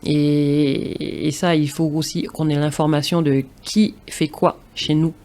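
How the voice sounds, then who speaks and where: Her voice is low, mellow and unhurried, barely moving in pitch. She is a woman from Martinique, once a professional basketball player, chatting as a guest on a podcast in a reflective way, stopping to restart and leaning on lots of fillers.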